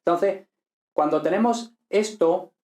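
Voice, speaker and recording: A man teaches Latin in a relaxed lecture, speaking with a slightly raised pitch. He thinks aloud, restarts his sentences and keeps checking in with his listeners. The room has a noticeable echo. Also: slow. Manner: thinks aloud, many tag questions and restarts. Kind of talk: informal recorded lecture. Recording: echoey room.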